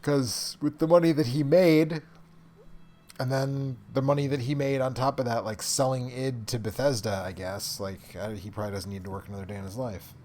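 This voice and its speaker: A man's voice: medium pitch, fairly even intonation, normal speed, darkish tone, slight background noise. A man co-hosting a live stream, chatting casually in a wry, self-mocking way, often trailing off mid-sentence. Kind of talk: casual chat while watching a live stream.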